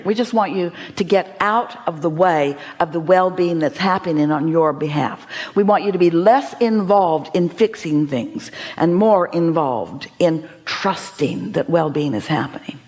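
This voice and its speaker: A woman's voice: fairly low pitch, animated, measured pace, hardly any pauses, darkish tone. A woman teaching a seminar audience, speaking as "we" and posing emphatic rhetorical questions. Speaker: inspirational speaker.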